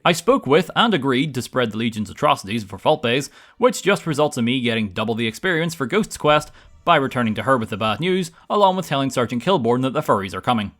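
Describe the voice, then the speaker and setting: A man's voice: mid-range voice, very animated, fast talker, a bit bright. A man narrating gameplay from a script in a wry, casual, tongue-in-cheek manner. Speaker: gaming video narrator.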